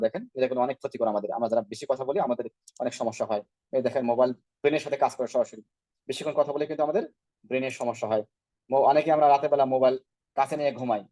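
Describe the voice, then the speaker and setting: A man's voice: medium pitch, warm tone, dry recording. A man giving an online product training over slides, asking rhetorical questions and checking in with his listeners often. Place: online call.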